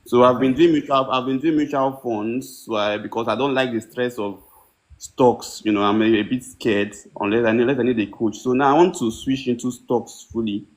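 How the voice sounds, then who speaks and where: A man's voice: mid-range voice, fairly even intonation, normal speed, low-quality recording. Male caller, hesitant and unsure, trails off mid-thought, asking an investment coach for help. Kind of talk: call-in question.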